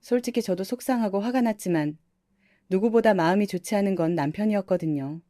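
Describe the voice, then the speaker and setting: A woman narrating a first-person family story in a calm, conversational telling. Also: medium pitch, a little fast, no echo, studio quality.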